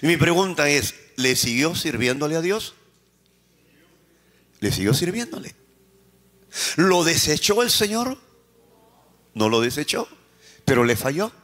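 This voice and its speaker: A Peruvian man preaching a sermon as a pastor. He fires questions at the congregation, answers them himself, and swings between raised emphatic lines and quiet, slowed phrases. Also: a little high, sing-song. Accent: Peruvian Spanish.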